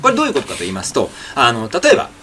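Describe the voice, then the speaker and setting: A man's voice: mid-range voice, wildly swooping pitch, racing, background noise. A man on a comic radio show, patiently explaining how to do impressions and slipping into short impressions. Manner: explains patiently, drops into brief impressions, laughs often.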